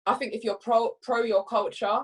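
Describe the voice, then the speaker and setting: A woman co-hosting a casual chat, speaking in an animated way and running through her points as rhetorical questions. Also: fairly high pitch, normal speed, husky. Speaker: co-host.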